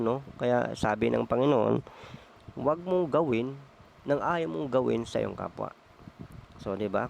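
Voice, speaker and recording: A man's voice: mid-range voice, vocal fry, darkish tone, slight background noise. A man preaching a conversational Bible sermon, often asking his listeners tag questions and mixing in English phrases with many hesitations. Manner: addresses listeners as brethren, asks frequent tag questions.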